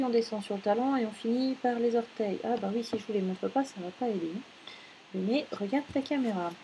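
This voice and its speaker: Chatty woman, mellow voice, rambling. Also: on the high side, slight background noise, low-quality recording. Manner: rambling, chatty, many fillers and self-corrections. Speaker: knitting vlogger. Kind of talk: casual chat. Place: home.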